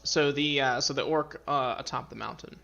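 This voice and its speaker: A man's voice: mid-range voice, fairly even intonation, moderate pace, vocal fry, sharp tone, muffled recording, faint music behind. A man running a tabletop game as game master, talking in a laid-back way and laughing easily.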